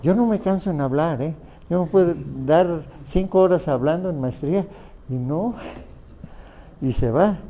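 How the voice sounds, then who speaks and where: A man's voice: a little high, unhurried, dark tone, a little hiss or hum. A man with a Mexican Spanish accent giving a lecture on family law, asking the audience rhetorical questions.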